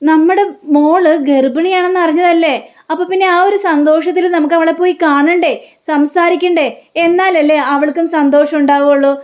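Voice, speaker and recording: A woman voicing an anxious mother who speaks in a hurried, pleading way. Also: very high voice, fairly even intonation, darkish tone. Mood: eager. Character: anxious mother, fussing over her daughter.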